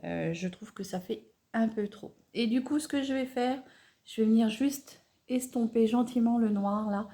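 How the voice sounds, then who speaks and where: A fairly high-pitched woman with a dark tone walks through a makeup tutorial at normal speed. She's a beauty vlogger chatting casually and unpretentiously about each step, often hesitating, stammering, and correcting herself as she goes.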